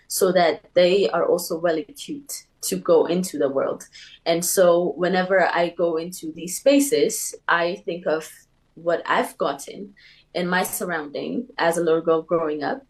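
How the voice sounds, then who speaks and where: A young woman from Ethiopia, a panel guest, talking reflectively and with many pauses and fillers. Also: on the low side, darkish tone, poor audio. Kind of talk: conversational panel talk.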